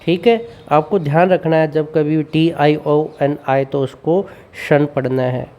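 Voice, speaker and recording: A man's voice: on the high side, fairly even intonation, unhurried, dull audio. A man teaching English pronunciation, reading word lists one by one and repeating his questions for the learner. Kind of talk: slow classroom phonics drill.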